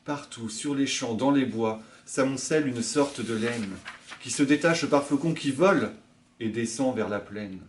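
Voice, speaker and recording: A male librarian reading a poem aloud in a quiet, hushed, measured way. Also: mid-range voice, slight background noise. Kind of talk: poetry reading.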